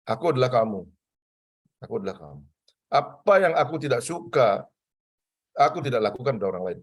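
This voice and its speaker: An older man from Bali lectures civil service trainees in a lively, animated way. He preaches his points with conviction and drops in casual Javanese phrases. His pitch sits in an ordinary middle range. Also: fast, husky.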